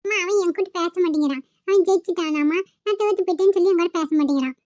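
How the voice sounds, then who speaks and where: A squeaky little cartoon kid, voiced by a woman, whiny and pleading. The sound is dry and a bit muffled. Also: racing, darkish tone, dry recording. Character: small child, playful and whiny. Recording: dull, dry home recording.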